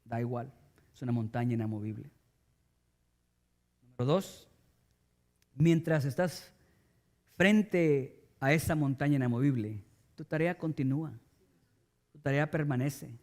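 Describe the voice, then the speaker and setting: A man's voice: mid-range voice, unhurried, pauses often, a little mellow. A male pastor preaching a sermon with emphasis, speaking straight to his congregation. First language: Spanish.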